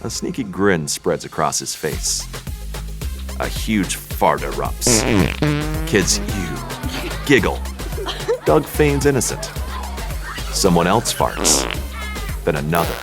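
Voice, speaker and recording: Deep-voiced man reading stage directions. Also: big pitch swings, music in the background. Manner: dry, unhurried reading of action lines. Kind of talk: table read narration.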